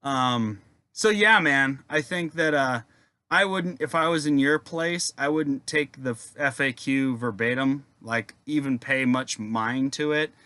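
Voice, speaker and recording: A man's voice: mid-range voice, a little slow, bright, forceful tone, clean tone, no echo. A young adult man rambling casually in a video rant, laid-back and swearing freely, with lots of fillers. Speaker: wargaming video maker.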